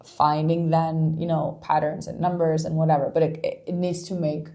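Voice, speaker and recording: A woman's voice: low-pitched, flat delivery, normal speed, warm tone. A woman co-hosting a podcast in casual chat, a little tired, thinking aloud with lots of fillers. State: tired, yawning. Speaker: podcast co-host.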